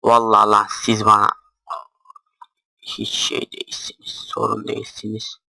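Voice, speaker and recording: A man giving casual gameplay commentary, deliberately talking quietly and swearing offhandedly as he plays. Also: fairly low pitch, monotone, vocal fry, no room sound, poor audio. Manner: talks quietly on purpose, swears casually while playing.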